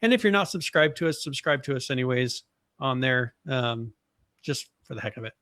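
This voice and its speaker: Relaxed rambling American podcast co-host. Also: male voice, medium pitch, moderate pace, no echo, studio quality. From Boise, Idaho area of the US. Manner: relaxed, rambling with fillers and restarts. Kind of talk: casual podcast chat.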